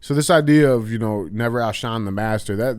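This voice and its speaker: A man's voice: medium pitch, brisk, darkish tone, smooth. A man co-hosting a podcast, reading a listener's question aloud in a casual manner.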